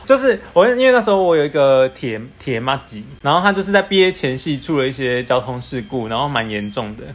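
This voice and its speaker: Low-voiced, animated southern Taiwanese woman. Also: fast talker. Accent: southern Taiwanese Mandarin. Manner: animated, blunt, slangy, prone to laughing. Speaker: podcast co-host. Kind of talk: casual chat.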